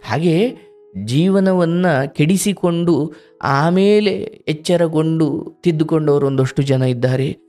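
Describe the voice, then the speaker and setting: A man's voice: on the high side, slow pace, pauses often, faint music behind. A man hosting a live call-in counseling show, giving fatherly spiritual advice to a caller and sometimes acting out what people say. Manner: warm, fatherly, preaching advice with acted quotes.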